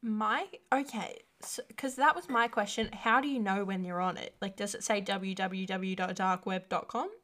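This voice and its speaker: A woman's voice: medium pitch, fairly even intonation, moderate pace, few pauses, fairly bright tone. A woman co-hosting a podcast in playful, giggly casual chat. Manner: giggly, playful, often laughing. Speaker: podcast co-host.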